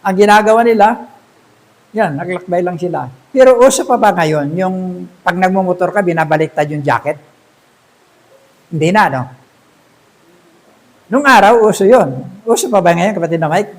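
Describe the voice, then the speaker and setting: A man's voice: high-pitched, lively intonation, normal speed, long pauses, poor audio. A man preaching a sermon in a storytelling way, often asking the congregation rhetorical questions.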